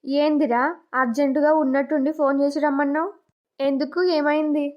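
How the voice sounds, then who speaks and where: A woman's voice: high-pitched, little pitch movement, fairly quick, close to an everyday voice. Woman voicing an eager young husband. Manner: eager questions. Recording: dull lo-fi cartoon audio.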